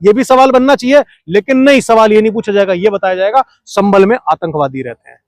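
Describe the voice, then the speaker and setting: High-voiced man arguing hard in a dry room. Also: no room sound. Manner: argumentative, fires rhetorical questions, keeps talking over interruptions. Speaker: interview guest. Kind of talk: heated political interview.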